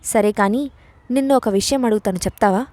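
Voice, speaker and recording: A woman's voice: mid-range voice, a little fast, darkish tone, no echo, lightly acted. A woman reading the part of a hot-tempered young woman who snaps back indignantly. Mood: defiant. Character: feisty young bride, defiant and hot-tempered.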